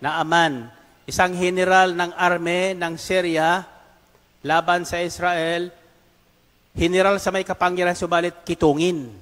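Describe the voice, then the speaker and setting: A man's voice: high-pitched, level tone, measured pace, a bit bright. A male preacher speaking emphatically and rallying his congregation with call-and-response. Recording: long reverb of a large hall.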